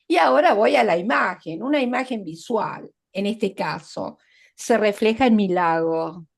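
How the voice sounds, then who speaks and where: A woman's voice: mid-range voice, animated, measured pace, gravelly. A woman teaching literature in an online class, explaining literary devices step by step with examples and checking in with her students.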